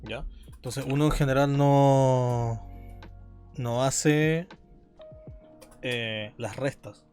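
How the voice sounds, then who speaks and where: A man's voice: mid-range voice, steady tone, extremely slow, long pauses, darkish tone, soft background music. A man teaching a university calculus class, explaining step by step and often checking in with his students. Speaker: university math lecturer. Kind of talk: live calculus lecture.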